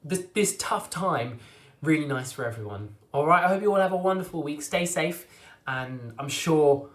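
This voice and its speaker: A man teaching an online drama class for children, encouraging and reassuring as he drills tongue twisters slowly. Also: a little high, lively intonation, fairly bright tone. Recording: echoey room.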